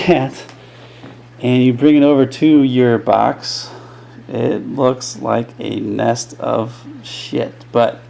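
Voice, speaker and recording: Behind the camera at an indoor workbench, a man with a medium-pitched, creaky, dark voice walks through his speaker crossover build in a loose, unscripted tutorial. His talk wanders, full of ums and false starts, captured by the camera's own mic.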